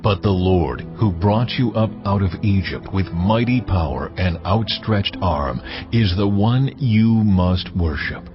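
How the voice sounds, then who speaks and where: A man playing God in a dramatised scripture reading, solemn, stern and deliberate in delivery. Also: low voice, lively intonation. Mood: solemn command. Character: God, solemn commanding male divine voice. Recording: dull audio, music underneath.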